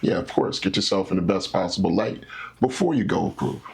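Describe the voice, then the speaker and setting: A man who works as a credit specialist, a guest in an interview, explaining things simply with stories and animated little scenarios. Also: sits low, brisk, gravelly, husky. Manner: animated, teacherly, acts out scenarios.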